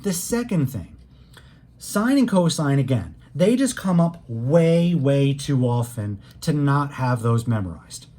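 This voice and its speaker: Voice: mid-range voice, big pitch swings, unhurried, dark tone. A math instructor giving a recorded calculus lecture, walking through each step patiently and talking straight to the students. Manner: patient step-by-step explaining, leaning on key words; plain conversational teaching, speaks straight to students.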